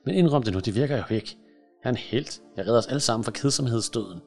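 A man's voice: low-pitched, faint music behind, close to an everyday voice. A man reading aloud as a cheeky boy who teases and boasts during a séance game. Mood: boastful. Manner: teasing, boastful. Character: cheeky boy prankster, giggling.

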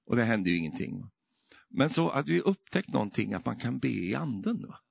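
A man's voice: medium pitch, sing-song, gravelly, slightly rough, no echo. A man preaching a sermon testimony, telling his story with frequent tag questions and building to fervent, emphatic preaching.

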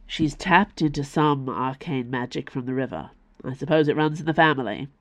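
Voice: mid-range voice, moderate pace, a bit bright, close to an everyday voice. A storyteller voicing a weary, blunt man who speaks with dry understatement.

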